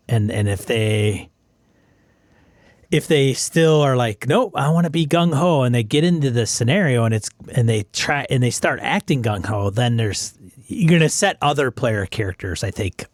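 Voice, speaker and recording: A man co-hosting a casual gaming chat. He talks in a measured, thoughtful way and sometimes trails off. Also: mid-range voice, dry recording, studio quality.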